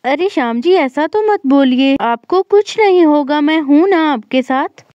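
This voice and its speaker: A woman's voice: high-pitched, animated, unhurried, a little mellow, dry recording, dull audio. A woman voicing a young village wife in a doll story, fussing and reassuring her sick husband. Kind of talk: doll story role-play.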